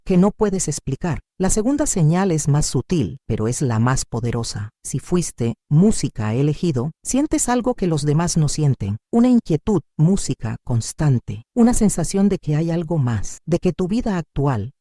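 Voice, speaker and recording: A woman's voice: low-pitched, very animated, moderate pace, few pauses, dark tone, no room sound, studio quality. A woman giving scripted devotional narration, preaching in a dramatic, emphatic way.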